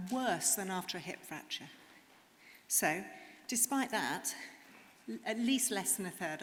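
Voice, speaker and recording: A woman's voice: lowish voice, a bit bright. Woman lecturing in a reverberant hall. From England. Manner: earnest, explanatory, with frequent ums. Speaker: conference speaker, rheumatologist. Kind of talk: conference talk. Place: conference hall. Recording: reverberant hall, faint noise.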